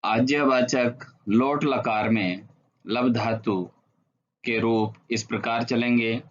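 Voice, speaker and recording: Slow-reciting male Sanskrit teacher, lo-fi. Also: medium pitch, fairly even intonation. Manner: slow, measured recitation of verb forms. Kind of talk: e-learning grammar lesson with recitation.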